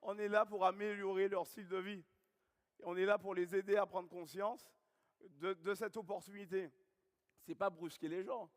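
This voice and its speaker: A man from Guadeloupe in his thirties giving an energetic motivational talk from a stage, often calling out questions to the audience. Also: sits high, moderate pace. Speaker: seminar speaker. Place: large hall with live audience. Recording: long hall reverb.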